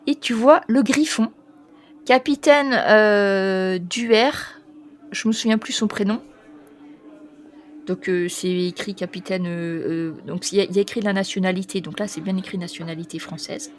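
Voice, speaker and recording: A woman running a tabletop role-playing game as game master, reading out a long list with many pauses and fillers, stumbling over foreign names. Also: mid-range voice. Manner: reads foreign names haltingly.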